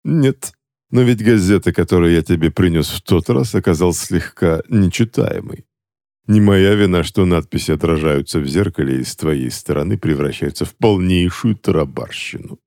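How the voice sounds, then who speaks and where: Man reading a hoarse, worn-out captive, low and dark, wry, storybook audiobook. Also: moderate pace, no room sound, clean studio sound. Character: hoarse weary imprisoned man behind a mirror. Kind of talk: audiobook character voice.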